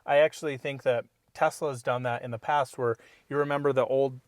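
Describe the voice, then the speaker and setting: A man in a casual car review, calmly giving measured opinions from inside a parked car. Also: mid-range voice, no room sound. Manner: easygoing, agreeable, measured opinions. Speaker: co-host reviewing cars.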